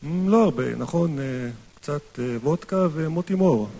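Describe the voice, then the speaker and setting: A man's voice: on the high side, rapid-fire, dark tone. A man asking casual questions and joking. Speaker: interviewer.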